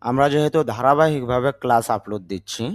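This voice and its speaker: Speaking fast in a medium-pitched voice, a man with Bengali as his first language runs an English vocabulary lesson, patiently repeating each word with its meaning. The recording has no echo.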